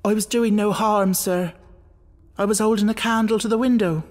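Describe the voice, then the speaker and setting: A man's voice: high-pitched, steady tone, normal speed, darkish tone, big-room sound, pitched above the performer's own voice, natural voice. A man voicing an agitated, evasive butler who pleads deferentially, in an audiobook of a classic mystery. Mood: pleading.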